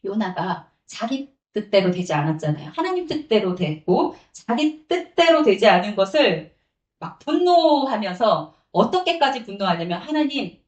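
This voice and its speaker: A woman's voice: medium pitch, very animated, moderate pace. A woman evangelist preaching a sermon with personal testimony, acting out quotes and laughing often. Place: church sanctuary. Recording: echoey church room.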